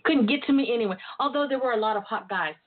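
A woman with a high-leaning voice talks quickly as host of a casual solo internet radio show, campy, sassy, bawdy and chatty. The sound is tinny, like a phone line.

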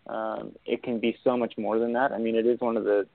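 A young Argentine winemaker, appearing as a guest in a casual interview chat, talks fairly quickly in a fairly low, level voice with vocal fry. He rambles with many fillers and restarts. The tinny, phone-like line is dry, with no room sound.

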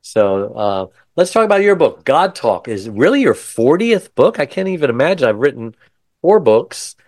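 An upbeat man hosts an interview podcast and drops quick asides between questions. His voice sits in the middle range and sounds close and dry, with no room around it. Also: medium pitch, very animated, a little mellow, dry recording. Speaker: podcast host. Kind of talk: interview hosting.

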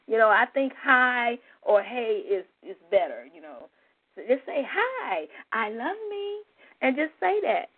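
A woman's voice: on the high side, sing-song, normal speed. A woman giving an informal spiritual lesson, repeating her points emphatically with frequent "you know" asides. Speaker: spiritual teacher. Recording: tinny phone-like sound.

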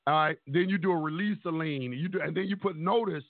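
Guy on a choppy breaking-up call, high voice, dry and tinny, cussing casually. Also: quick pace, no room sound. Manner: blunt, profane, loose grammar. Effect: choppy call audio that keeps breaking up. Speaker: caller explaining legal paperwork. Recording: tinny phone-like call line.

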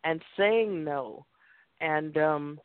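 A woman's voice: low-pitched, very slow, dry recording. Co-host, woman, sassy and emphatic, casual chat over a thin, dry phone-line sound. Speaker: co-host of a women's chat show.

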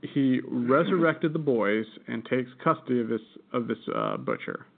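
A man's voice: mid-range voice, huge pitch swings, normal speed, gravelly. Casting: American guy, podcast co-host, rambling laughing storyteller, thin phone-line sound. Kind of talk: casual chat. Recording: tinny phone-like audio.

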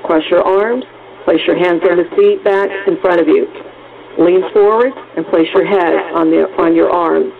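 A man's voice: high-pitched, fairly even intonation, normal speed, creaky, phone-quality sound. A man voicing a dutiful male senior flight attendant who reads cabin announcements in a formal, reassuring way.

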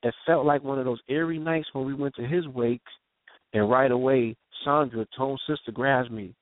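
As a guest on the line, a man gives a raw, conversational retelling of an intense event he saw firsthand, in casual street slang and with frequent "you know what I'm saying." His medium-pitched voice holds fairly even intonation at normal speed, and the tinny phone audio is dry with no room sound.

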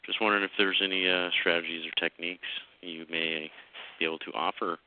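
Radio show caller on a tinny phone line. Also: male voice, deep voice, steady tone, no echo. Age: 20s. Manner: hesitant, halting with many fillers.

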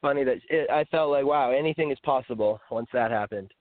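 A man's voice: medium pitch, a little fast. A young man talking frankly as an author and guest in a casual interview, with the odd small laugh. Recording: dry, phone-like line.

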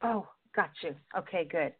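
A woman's voice: fairly low pitch, lively intonation, normal speed, husky, no room sound. A woman hosting a call-in show, chatting casually with callers and calling them pet names, her voice coming through with a tinny tin-can phone sound. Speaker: radio call-in show host. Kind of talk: casual on-air chat with callers. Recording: tinny narrow-band line.

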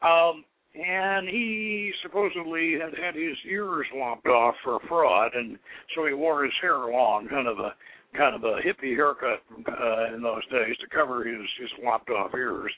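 At a medium pitch, the host of an occult radio show talks through things casually, stopping and starting and drifting like a learned storyteller. His voice reaches us over a tinny, narrow, phone-like line.

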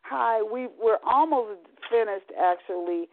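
Gravelly woman hosting talk radio by phone. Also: on the high side, unhurried, no room sound. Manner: chatty, many restarts. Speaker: radio talk show host. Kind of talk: talk radio, reading a novel aloud. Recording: tinny phone line, dry.

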